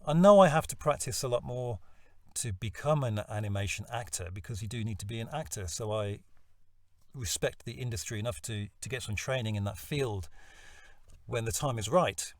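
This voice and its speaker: A man's voice: medium pitch, moderate pace, darkish tone, no echo, far from the mic. A man telling a personal story in a reflective, self-deprecating way. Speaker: voice-over hopeful vlogger.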